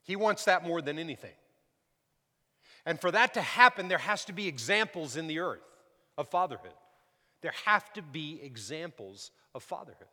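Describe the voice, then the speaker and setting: A man in his sixties preaches with a high, bright voice, rising to forceful emphasis and dropping to near-whispers. He repeats words as he builds a point and asks for amens. His voice carries a long hall reverb. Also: very animated, moderate pace. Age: 60s. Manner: swings from loud, preaching emphasis to soft, near-whispered asides. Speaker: pastor. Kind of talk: sermon.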